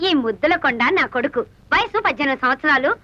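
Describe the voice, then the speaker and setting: An actress playing a sharp-tongued, bossy middle-aged housewife who scolds everyone. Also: female voice, high voice, lively intonation, fast talker. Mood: brisk. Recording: dull dry film soundtrack.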